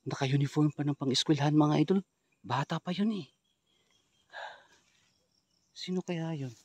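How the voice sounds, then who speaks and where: A man from the Philippines vlogging a ghost hunt outdoors in a rural wooded spot, switching between loud calls and low hushed murmurs. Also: moderate pace, breathy edge. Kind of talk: hushed exploring vlog commentary.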